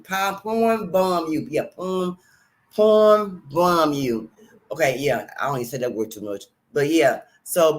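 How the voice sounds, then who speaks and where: A woman's voice: extremely low pitch, a little hiss or hum, rough recording. A woman hosting her own channel, chatting casually to viewers in a rambling, repetitive way and calling them "y'all". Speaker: channel host. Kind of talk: casual livestream talk.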